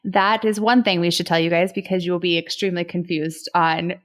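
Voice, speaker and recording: A woman's voice: fairly low pitch, fairly even intonation, fairly quick. A woman in her thirties from Ohio, co-hosting a casual podcast, chatty and enthusiastic, often laughing. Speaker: podcast co-host. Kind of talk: casual chat among friends.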